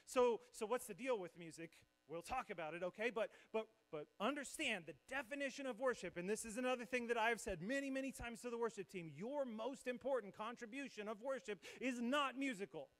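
High-voiced man preaching on a church stage. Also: fairly quick, hardly any pauses, fairly bright tone. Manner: conversational, self-deprecating, explains with asides. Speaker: worship pastor. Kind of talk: sermon. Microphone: handheld or stage microphone.

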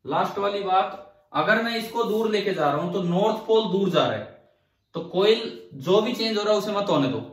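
A male physics teacher lecturing a class in a high voice. He quizzes the students and answers his own questions, repeating key phrases. The sound is roomy and echoey, with the mic set back from him. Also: animated, normal speed, distant mic. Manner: asks the class questions and answers them himself; repeats key phrases to drive points home.

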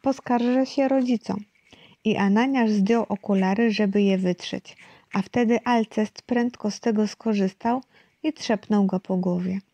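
A woman narrating a children's book in a lively storytelling way. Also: mid-range voice, a little slow, dry recording.

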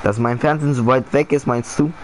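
A man's voice: medium pitch, fairly even intonation, fast talker. Young guy gaming, blunt slangy chat, noisy headset stream sound. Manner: blunt, exclamatory street slang. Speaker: gamer live-streaming.

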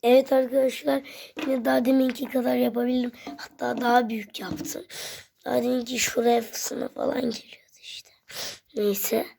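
A woman's voice: fairly high pitch, little pitch movement, normal speed, creaky, dark tone, a little hiss or hum. A young woman talking casually to her viewers while building a tower, pleading with it and often dropping to a whisper. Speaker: vlogger.

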